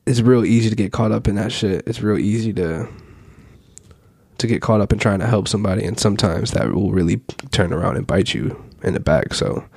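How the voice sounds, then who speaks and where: A man's voice: fairly low pitch, fairly quick, gravelly, darkish tone, breathy edge, dry recording, clean studio sound. A young man hosting a casual podcast chat, laid-back and laughing often. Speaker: podcast host.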